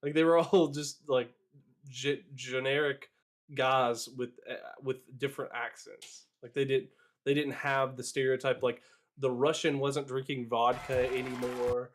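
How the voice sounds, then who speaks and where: A man's voice: mid-range voice, level tone, a little slow. A man co-hosting a casual live podcast, talking in a rambling, hesitant way. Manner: rambling, hesitant, many fillers and restarts. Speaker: podcast co-host.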